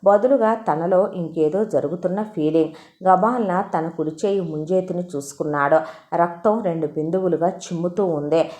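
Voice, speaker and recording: A woman reading a story aloud in steady, expressive narration. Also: lowish voice, normal speed.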